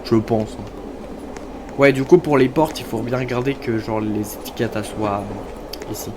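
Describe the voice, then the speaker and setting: A man's voice: mid-range voice, steady tone, normal speed. A man casually commenting on his own gameplay, chatty and self-mocking, talking to his viewers. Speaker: gamer. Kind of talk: casual let's-play commentary. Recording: noticeable background noise.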